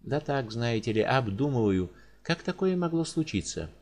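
A man voicing a pompous, fussy middle-aged male doctor with a high, hedging way of talking. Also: very animated, moderate pace, darkish tone.

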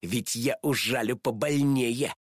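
A man's voice: mid-range voice, a little slow, slightly rough, dry recording, studio quality. A man reading a storybook aloud, voicing a spoiled, bossy teenage girl superhero who talks impatiently. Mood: defiant.

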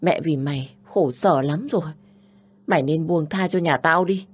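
A woman's voice: sits low, normal speed, slightly rough. A woman voicing a bossy, scolding older sister. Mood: furious. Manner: nagging, scolding, harsh.

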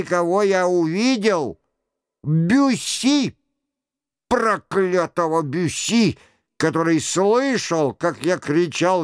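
An aggrieved young nobleman tells his humiliation in a slow, seething voice, as a male reader puts him on, each word clearly shaped. The sound is close and dry. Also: on the high side, no echo. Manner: indignant, aggrieved.

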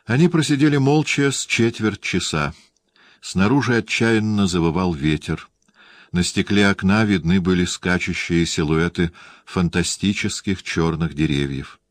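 A man narrating a literary novel in a measured, even storytelling voice. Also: deep voice, no room sound. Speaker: audiobook narrator.

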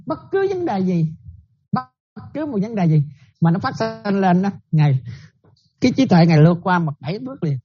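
A woman's voice: medium pitch, sing-song, moderate pace, slightly rough, dull audio, soft background music. A Buddhist nun giving a dharma talk, often checking that her listeners follow and repeating her points.

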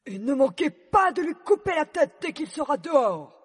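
A man voicing a furious, tyrannical queen who barks beheading orders in a shrill high falsetto for a storybook reading. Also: sing-song, normal speed, in a large hall. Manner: barking orders.

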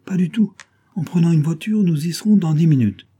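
Man doing a scheming villain, higher than his own voice, pushy, urgent, dark, husky. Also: brisk. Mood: eager. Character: scheming clubman villain, eager, threatening.

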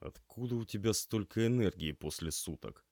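A worn-out young trainee medic, grumbling his way through every line in a weary tone, as a male reader voices him. His voice sits only a little above the reader's own and keeps a lively swing. The sound is close and dry. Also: on the low side, moderate pace, dry recording, pitched above the performer's own voice. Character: tired grumpy young male paramedic trainee.

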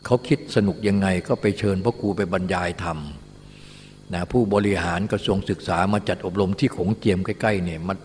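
A man's voice: sits low, a little fast, a little mellow, slight background noise. Older man giving a casual dharma talk. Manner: storytelling, talks of himself in the third person. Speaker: Buddhist dharma teacher. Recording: long hall reverb.

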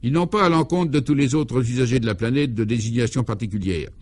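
A man's voice: fast, lightly acted. A man voicing Clovis du Tilleul, an eccentric, jovial 64-year-old former priest, in an old-style French radio comedy, fatherly and exuberant. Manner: exuberant, fatherly, talks up high.

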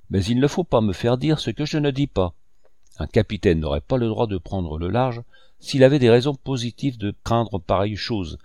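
A man's voice: medium pitch, darkish tone, no echo, clean studio sound, lightly acted. A man reading an audiobook, voicing a blunt male ship captain who speaks formally and firmly. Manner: formal, firm, clipped.

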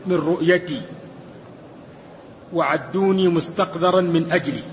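Student reader, male, measured recitation, faint hiss behind, hall reverb. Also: fairly high pitch. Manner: steady measured recitation of the text. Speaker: student reading the text aloud. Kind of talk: reading a classical commentary aloud. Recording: dull recording with long hall reverb.

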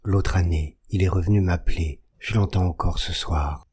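A haunted old gamekeeper who stammers in agitation, as a man reads him aloud. His voice sits deep and dark with a husky grain. He is a storybook figure gripped by lasting dread. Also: moderate pace.

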